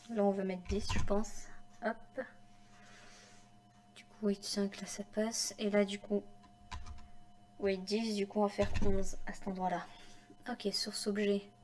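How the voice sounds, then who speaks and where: A woman's voice: mid-range voice, a little mellow, a little hiss or hum. Chatty woman narrating her screen work. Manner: muttering to herself while typing, chatty asides. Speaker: game modder. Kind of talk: casual commentary while modding.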